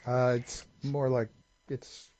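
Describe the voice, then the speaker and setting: A man co-hosting a casual podcast explains lore at length, slipping into tangents. His medium-pitched voice is dark in tone, slow and fairly flat. The audio is slightly dull and lo-fi, with a faint hiss.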